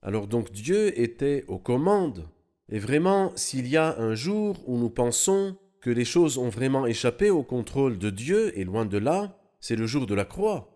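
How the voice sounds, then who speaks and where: A man explaining Bible passages in an animated, teaching manner during a studio discussion. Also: medium pitch, unhurried.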